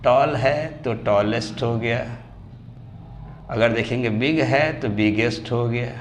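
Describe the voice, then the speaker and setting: A man teaching English grammar, his voice at an ordinary middle pitch for a man. He drags out example words slowly, syllable by syllable, and calls his students dear children. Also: slight background noise. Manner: slows right down and stretches example words to spell them out. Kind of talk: classroom grammar lesson.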